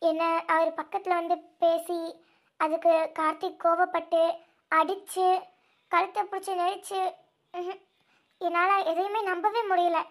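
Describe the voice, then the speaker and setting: Fan audio drama: woman voicing a young snake-woman elder sister, very high pitch, anguished, stammering repeats. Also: flat delivery. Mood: troubled. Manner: tearful, pleading, halting repeats.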